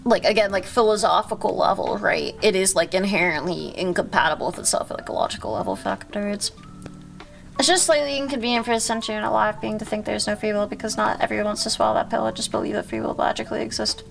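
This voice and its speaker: A woman hosting a casual livestream, chatting with viewers in a rambling, halting, slangy way with frequent self-interruptions and swearing. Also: medium pitch, vocal fry, soft background music. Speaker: livestream host.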